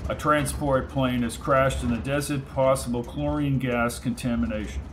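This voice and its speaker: A man reading the lines of a dutiful army general who reports in a crisp, formal manner. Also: medium pitch, fairly even intonation, moderate pace, background noise, lightly acted. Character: dutiful male army general taking orders.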